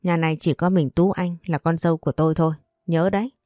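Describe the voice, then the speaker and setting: A woman's voice: fairly low pitch, steady tone, fast talker, mellow, no room sound, studio quality, lightly acted. A woman voicing a harsh, domineering mother-in-law who scolds and insults, in a storybook reading. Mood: furious.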